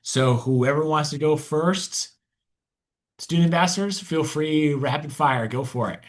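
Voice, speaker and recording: A man hosting an admissions info session over a video call, upbeat and encouraging, moving things along quickly. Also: fairly high pitch. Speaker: admissions event host.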